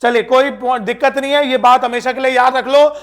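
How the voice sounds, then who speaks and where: A man with a very high-pitched voice teaches an exam-prep English grammar lesson. He keeps asking the class questions and then answers them himself. He reads English example sentences out slowly, word by word, with an Indian accent. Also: fairly even intonation.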